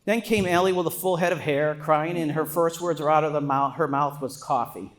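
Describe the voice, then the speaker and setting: A man's voice: on the high side, fairly even intonation, a little fast, background noise. A middle-aged man giving a father of the bride speech at a wedding, prepared and sprinkled with joking asides.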